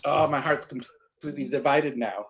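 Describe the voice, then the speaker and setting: A man being interviewed as an author, telling animated stories and often restarting his sentences. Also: mid-range voice. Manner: halting, many restarts and repeated words; animated storytelling. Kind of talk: conversational interview.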